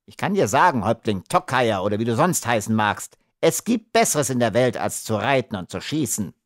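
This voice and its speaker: A man's voice: mid-range voice, big pitch swings, brisk, dry recording, clean studio sound. A male narrator voicing a tiny, frightened male arms trader who whines and shrieks his complaints in an audiobook. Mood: shrill complaint. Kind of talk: audiobook character voice.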